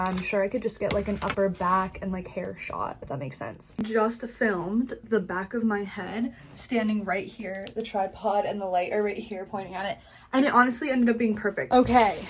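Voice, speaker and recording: A woman's voice: a little high, slight background noise. A young woman chatting casually through a home vlog, talking to the camera and filling her sentences with "like". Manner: chatty, says "like" a lot. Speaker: influencer vlogger. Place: home, bedroom and bathroom.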